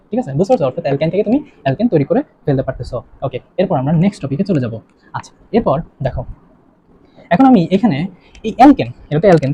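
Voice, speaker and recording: A young man teaches chemistry at a breakneck clip, firing questions and repeating them back. His voice sits high and mellow. The recording sounds dull and lo-fi, with faint background ambience. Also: slight background noise. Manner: quizzing, repeating questions to students. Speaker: chemistry tutor. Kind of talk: online lesson.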